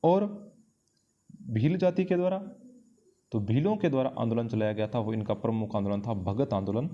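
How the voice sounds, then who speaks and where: This is a history exam-prep session in which a man walks through quiz questions, explaining as he goes and restating key phrases for emphasis. He speaks at a moderate pace with a medium-pitched voice, and the microphone sounds dull and lo-fi.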